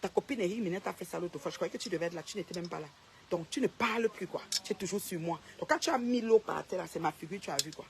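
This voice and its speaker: Against a noisy background, a woman speaks fast in a low voice with vocal fry. She's a social media personality ranting to camera, confronting a rival by name and driving her points home through repetition.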